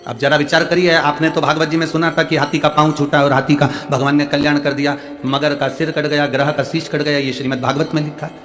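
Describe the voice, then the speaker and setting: A preacher man with a higher voice. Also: little pitch movement, brisk, few pauses, a bit bright, soft background music. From central India. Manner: urges the crowd to call back answers; answers listeners' letters with homely examples. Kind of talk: devotional sermon to a live crowd. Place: large outdoor stadium gathering.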